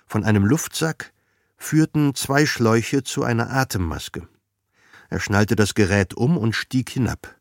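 Low-voiced man reading a novel. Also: no room sound. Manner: calm, measured, dry storytelling. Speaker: audiobook narrator. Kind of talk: scripted literary narration.

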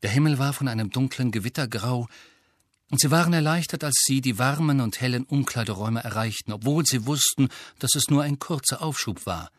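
A man narrating an audiobook in a steady, measured reading. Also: medium pitch, no room sound, clean studio sound. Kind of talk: scripted narration.

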